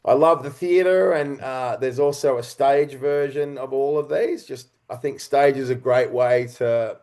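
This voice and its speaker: Appearing as a guest in an interview, this writer-director and actor talks about his creative work with an earnest, reflective air. His voice is darkish and medium in pitch, and his phrasing comes out halting and conversational.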